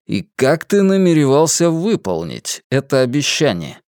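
A man's voice: on the high side, sing-song, a little mellow, no room sound, clean studio sound. Cold menacing inquisitor man, read by a man. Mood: cold menace. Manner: cold, stern, slow. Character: cold dark-haired male inquisitor, stern and menacing.

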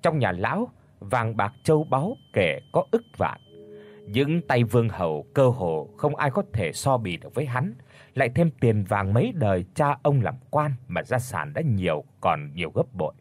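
A man narrating a dramatic story for an audiobook in an expressive storytelling manner. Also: fairly low pitch, moderate pace. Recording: faint background music.

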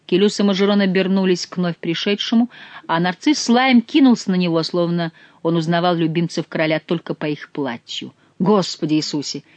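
A woman reads a historical novel aloud, telling it with expressive storytelling. Her voice sits fairly low and sounds close and dry. It is a steady audiobook narration. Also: brisk, no echo, muffled recording. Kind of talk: scripted narration.

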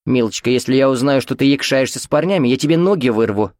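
A man's voice: mid-range voice, lively intonation, fast talker, a little mellow, no room sound, clean studio sound, pitched above the performer's own voice, natural voice. A man voicing a cold, scornful middle-aged mother who talks down to her daughter in a cutting, commanding way, in an audiobook. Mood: sneering.

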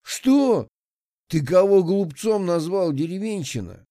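A man voicing an arrogant, hot-headed young male noble who shouts sneering threats. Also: a little high, lively intonation, a little slow, no room sound, studio quality. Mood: insulted.

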